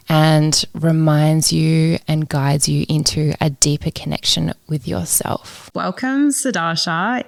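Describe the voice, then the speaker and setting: Low slow woman podcast host, gravelly, soft-spoken.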